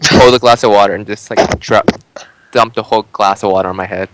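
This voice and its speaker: A man at a tabletop game describes what his character does in a loose, laid-back way. His voice sits fairly low. It sounds dry and close. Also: steady tone, brisk, a bit bright, clean tone, no room sound, low-quality recording. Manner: laid-back, describing actions with likes and restarts. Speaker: player.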